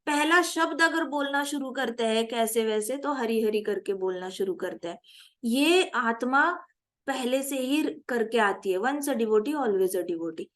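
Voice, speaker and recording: A woman giving a scripture class in an animated way, asking her listeners questions and mixing in English phrases. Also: on the high side, measured pace. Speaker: spiritual teacher.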